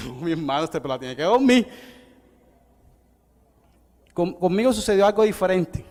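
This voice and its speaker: A middle-aged male pastor, preaching an evangelistic sermon. He swings from loud, rising declarations to soft, conversational asides. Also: high voice. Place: church hall. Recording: long church hall reverb.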